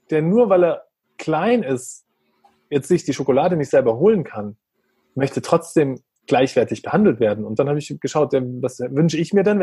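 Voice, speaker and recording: With a fairly high-pitched, dark and husky voice, a man reflects on parenting, describing earnestly how he deals with his little son and playing out the things they say to each other. The sound has no echo, and the talk feels conversational.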